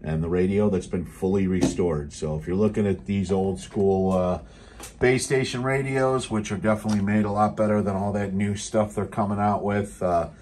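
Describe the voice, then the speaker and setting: This is an unscripted product demo: an American man selling a restored CB radio speaks in a low, easygoing, halting and plain-spoken manner. The setting is an indoor radio bench, recorded on a handheld camera mic in a noisy room with slightly noisy results.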